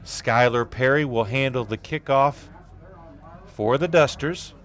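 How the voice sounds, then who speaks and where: A man doing play-by-play commentary on a local football game, calling plays briskly with relaxed asides. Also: medium pitch. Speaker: play-by-play announcer.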